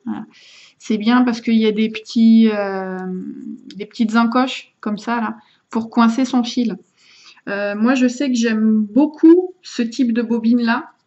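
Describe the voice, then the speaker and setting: A woman's voice: on the high side, darkish tone, highs cut off. Chatty woman demoing gear, hesitant. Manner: hesitant, many fillers and restarts; chatty, talks to the viewers while handling objects. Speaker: vlogger showing vaping gear. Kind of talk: casual how-to demonstration.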